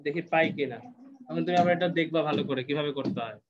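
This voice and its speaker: A man's voice: a little high, quick pace, highs cut off, a little hiss or hum. A man teaching an English class online, patiently explaining step by step and checking that students follow.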